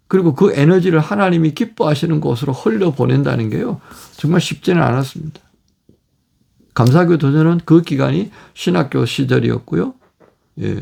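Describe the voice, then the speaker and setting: A middle-aged male pastor giving a daily devotional sermon, animated, acting out quoted speech. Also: on the high side, vocal fry, breathy edge. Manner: animated, acts out God and fathers in quoted speech.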